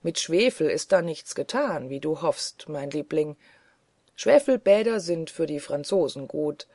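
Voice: mid-range voice, lively intonation, measured pace, no room sound. Reader voicing a jeering, cackling prisoner. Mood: mocking. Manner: jeering, loud, taunting. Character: mocking, defiant male prisoner with a cackling laugh. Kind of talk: audiobook character voice.

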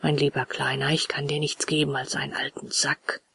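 A woman voicing a poor, kindly old man in a storybook, speaking softly and hushed. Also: rumbling low, little pitch movement, a little fast, vocal fry, husky, no echo, voice pushed down, full character voice. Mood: gentle.

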